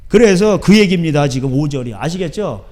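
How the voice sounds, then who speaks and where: A middle-aged male pastor preaching a sermon in a church, talking emphatically with constant rhetorical questions and sudden shouts. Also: lively intonation, brisk. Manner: swings between loud shouting and low asides. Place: church sanctuary.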